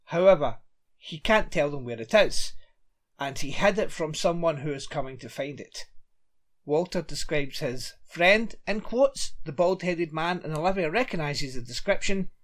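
Man, podcast co-host, casual rambling chat, lively up-and-down pitch, quick to laugh.

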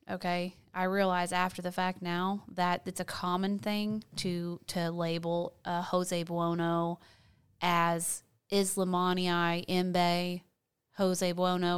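A woman's voice: fairly low pitch, clean tone. A woman chatting casually to viewers like a video blogger telling a story, gossipy and candid, stressing points by repeating words.

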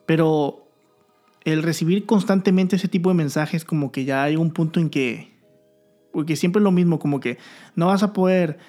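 A young man with a fairly high voice speaks in an earnest, candid way, as if talking straight to his viewers. His casual vlog delivery is heartfelt and plain. Soft music plays faintly behind him. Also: normal speed. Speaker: vlogger, new father. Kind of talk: casual vlog talk to camera.

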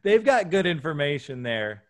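A man's voice: a little high, very animated, moderate pace. A man co-hosting a podcast, joking and asking the guest pointed questions in casual chat. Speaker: podcast co-host.

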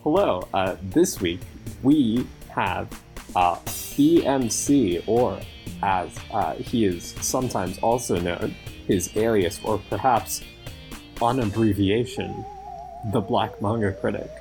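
A man's voice: fairly low pitch, slow pace, a little mellow, faint music behind. A man co-hosting a podcast who introduces the guest in a dry, hesitant way. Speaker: podcast co-host. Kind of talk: casual chat.

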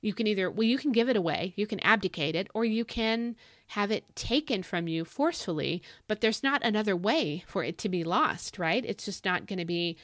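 A podcast host teaches the Bible in a casual, earnest devotional, conversational in tone and emphatically repeating key words. Her medium-pitched, slightly bright voice has lively intonation and a moderate pace, turning a little scratchy as if starting to go, with clean studio sound and no room echo.

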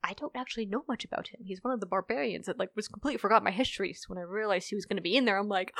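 Woman guest for a casual podcast chat, animated and quick with asides, dry close mic. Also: mid-range voice, no echo.

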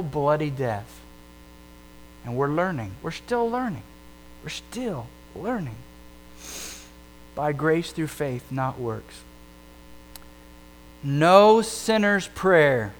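Animated high-voiced male pastor preaching. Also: slight background noise, low-quality recording. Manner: conversational, animated, rhetorical questions. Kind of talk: sermon.

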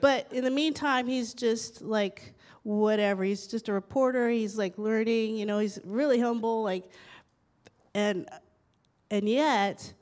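A woman's voice: on the high side, measured pace, a little mellow. A woman facilitating a casual group sharing session, prompting people in an encouraging, upbeat way.

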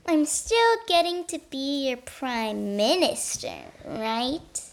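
A woman's voice: sits high, animated, slow, voice pushed up, full character voice. A woman voicing a sheepish, dim-witted male henchman in an amateur radio play, hesitant and unsure. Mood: hopeful.

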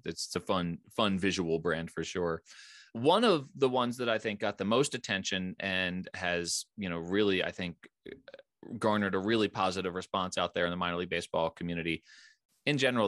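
A man's voice: sits low, fairly bright tone, no echo, clean studio sound. A man from Philadelphia with an American accent, hosting a conversational podcast interview and saying any Spanish names with American pronunciation. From Philadelphia, United States. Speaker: podcast host.

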